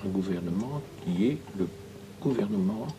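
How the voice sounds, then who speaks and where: Low-voiced man on a hidden mic. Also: animated, moderate pace. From Belgium. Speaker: interviewee, former political go-between. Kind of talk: informal conversation secretly recorded on a hidden mic. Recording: noisy hidden-camera mic recording.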